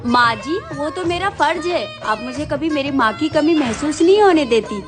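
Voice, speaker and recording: A woman's voice: sits high, expressive, moderate pace. A woman playing a devoted young daughter-in-law who speaks respectfully to her mother-in-law. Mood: dutiful. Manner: respectful and soft. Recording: faint music behind.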